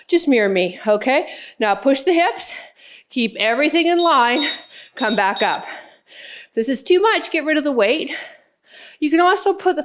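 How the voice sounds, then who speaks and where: A woman with a fairly high voice leads an exercise session as the instructor. She counts out the workout moves and gives short cues, encouraging people as she goes. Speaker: fitness instructor.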